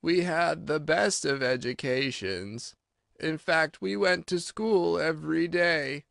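A man voicing a melancholy old mock turtle in a storybook, sighing and self-pitying, with a slow, drawn-out, mournful delivery. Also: fairly high pitch, vocal fry, fairly bright tone, dry recording, clean studio sound, pitched above the performer's own voice, full character voice. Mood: wistful.

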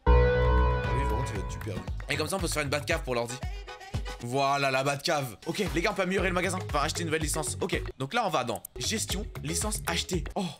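A man giving slangy, excitable let's-play commentary as a gaming YouTuber, swearing and joking with viewers. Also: fairly high pitch, fast talker. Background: background music.

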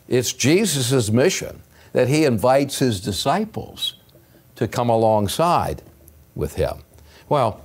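An older man preaching a sermon as pastor, earnest and emphatic, with pauses and rising stresses, recorded on a pulpit microphone in a church sanctuary. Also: mid-range voice, a little mellow. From United States.

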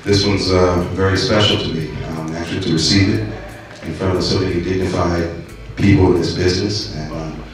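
A man accepting an award on stage, giving a humble, halting thank-you with many pauses. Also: low-pitched, steady tone, soft background music. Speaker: award recipient. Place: large cinema theater, indoors. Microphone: handheld mic, far camera. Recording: echoey theater from far off.

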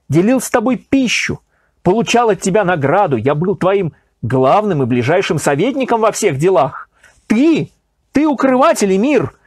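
A man's voice: high-pitched, a little mellow, husky, no echo, clean studio sound, pitched above the performer's own voice, full character voice. A man voicing a bold, defiant male trickster who speaks in a firm, ringing, declamatory voice.

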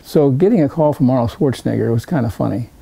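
A man in his sixties, a political consultant, recalling his career in an interview with many pauses and fillers. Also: medium pitch, lively intonation, creaky, mellow, a little hiss or hum, poor audio. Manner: hesitant, many fillers and restarts. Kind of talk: interview recollection.

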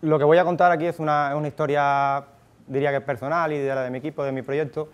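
Speaking into a handheld microphone before a conference room audience, a man in his thirties from Cuba talks quickly in a level tone, his voice on the high side, clear and resonant. He has a Cuban Spanish accent, and his casual delivery is full of fillers and restarts as he thinks out loud. The audio sounds dull.

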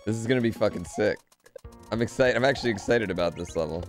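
Speaking quickly in a lowish voice, a roughly thirty-year-old man gives sweary, slangy, excitable commentary to his chat while playing a video game indoors at home. A close desk microphone on an arm captures him, and game music plays behind.

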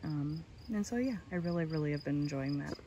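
A young woman with a low voice walks through her backyard garden, talking casually to her phone camera. She is chatty and enthusiastic, with plenty of "um"s. Crickets and insects chirp clearly behind her in the open air. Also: lively intonation, fairly quick. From Michigan. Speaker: gardening vlogger. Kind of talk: casual garden tour narration. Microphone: handheld phone camera. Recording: outdoor phone audio with insect noise. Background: crickets and outdoor ambience.

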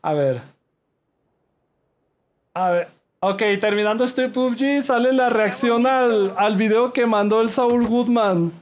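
A young Mexican man streaming a game, rambling and joking with his chat and reacting loudly. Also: extremely high pitch, steady tone, a little slow, few pauses. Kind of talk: casual livestream chat.

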